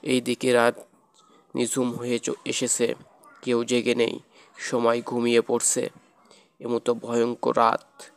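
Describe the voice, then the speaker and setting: A man's voice: mid-range voice, monotone, slow, pauses often. A man narrating a children's cartoon ghost story in a plain, repetitive storytelling manner.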